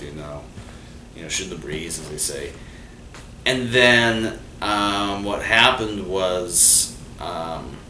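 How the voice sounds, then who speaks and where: This lowish-voiced man, the host, rambles through a casual storytelling monologue, filling it with fillers and restarts and becoming lively when quoting people. He's captured from a distance in an echoey room, with faint noise.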